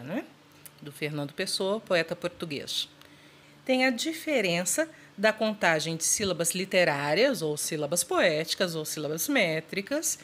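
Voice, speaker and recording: A woman's voice: on the low side, fairly bright tone. A woman literature teacher explaining a lesson patiently and speaking to students directly. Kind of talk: recorded lesson.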